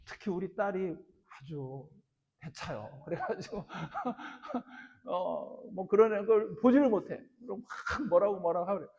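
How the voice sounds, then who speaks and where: Impassioned high-voiced pastor preaching in a hall. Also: male voice, big pitch swings, measured pace, vocal fry, muffled recording. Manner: impassioned preaching, swings from quiet talk to loud emphatic peaks. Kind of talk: sermon. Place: church sanctuary. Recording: reverberant church sanctuary.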